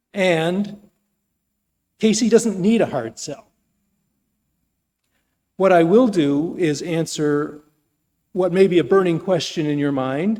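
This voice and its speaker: A man introduces the guest speaker in a measured, gracious way with a light touch of humor. His voice sits a little high. It carries a long reverb from the meeting hall around him. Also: a little mellow. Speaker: Sunday officiant introducing the speaker. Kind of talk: formal congregational introduction.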